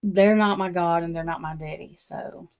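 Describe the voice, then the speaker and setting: A woman's voice: on the low side, steady tone, normal speed, clean tone. Profane, rambling woman ranting casually. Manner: blunt, profane, rambling with restarts. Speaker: true crime talk host. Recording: slightly dull, lo-fi sound.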